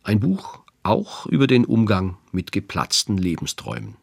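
A man's voice: fairly low pitch, huge pitch swings, creaky, slightly rough, dry recording, clean studio sound. A man in his fifties giving a reflective scripted radio narration as host. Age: 50s. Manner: reflective, measured.

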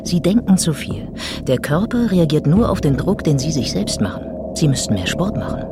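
Lady reading as a curt brushing-off doctor, low voice, loud music under it. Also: very animated, moderate pace. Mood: dismissive. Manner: curt, patronizing. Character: dismissive brushing-off doctor, adult woman.

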